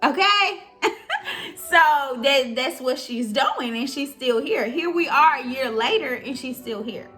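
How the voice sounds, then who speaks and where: Bright-voiced young woman telling a story. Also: high-pitched, measured pace, few pauses, faint music behind. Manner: expressive and chatty, addresses viewers directly. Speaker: vlogger. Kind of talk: casual storytelling to camera.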